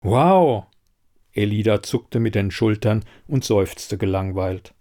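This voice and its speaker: A man narrating a crime story aloud in an expressive audiobook style. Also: on the low side, measured pace.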